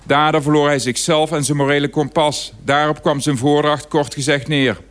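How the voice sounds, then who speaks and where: A man's voice: on the high side, fairly even intonation, normal speed. A man reading a written radio column aloud, dry and ironic in manner.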